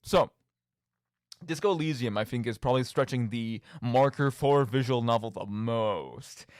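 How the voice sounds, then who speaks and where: This podcast and radio host speaks in a smooth mid-range voice at a moderate pace, captured in a dry, clean studio recording. Rambling casually and emphatically about video games, he constantly checks in with listeners by tossing out "right?"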